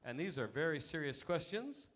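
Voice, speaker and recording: A man's voice: a little high, big pitch swings, normal speed, a bit bright. A man hosting a pageant, announcing contestants and putting questions to them on stage in an echoey hall with an audience. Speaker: pageant host.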